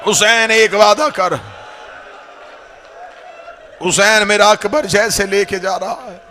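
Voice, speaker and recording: A man's voice: high voice, fairly even intonation, measured pace, pushed and bright, a faint crowd, slight background noise. A man, a cleric, recites a mourning sermon as impassioned, wailing storytelling that swells into cries at a mourning gathering. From Pakistan.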